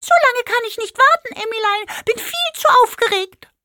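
A squeaky, impatient little magic pig. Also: female voice, animated, normal speed, bright, forceful tone, dry recording, clean studio sound, full character voice. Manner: eager, impatient, squealing high voice. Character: small excitable pink magic pig with a golden horn. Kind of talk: storybook reading.

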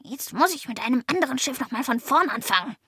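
A woman's voice: sits high, sing-song, moderate pace, sharp tone, no room sound, clean studio sound, voice pushed up, full character voice. A woman voicing a small, grumpy, boastful male goblin who curses and brags in a storybook reading. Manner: cursing, bragging, grumbling.

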